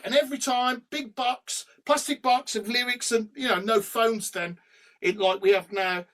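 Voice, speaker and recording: A middle-aged man, a rock singer guest on a podcast, telling animated stories over a remote call. He swears freely and breaks into humming and sung snippets. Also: sits high. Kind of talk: storytelling in a podcast interview.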